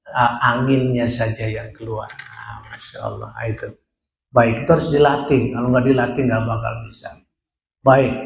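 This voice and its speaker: A man's voice: mid-range voice, a little hiss or hum. A man teaching Quran recitation rules, explaining step by step and sounding out syllables for his class. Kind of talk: tajwid lesson at a prayer hall. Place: small prayer room. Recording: echoey prayer room.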